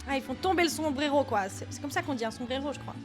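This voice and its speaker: A woman's voice: sits high, fast talker, music in the background. A woman hosting a casual dance reaction vlog, chatty and exclamatory, talking with lots of fillers. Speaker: dance video host.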